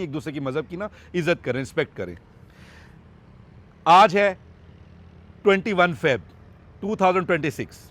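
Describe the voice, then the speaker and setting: Chatty man vlogging to his viewers. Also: on the high side. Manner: chatty, repeats phrases for emphasis; calm, coaxing with an animal. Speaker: vlogger, wild animal farm keeper. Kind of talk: casual vlog address to viewers.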